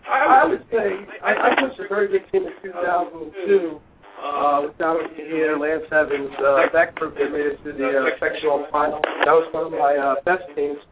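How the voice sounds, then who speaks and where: A man, a basketball coach, giving casual, measured, explanatory answers in an interview. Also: on the high side, steady tone. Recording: phone-like radio sound, crowd noise.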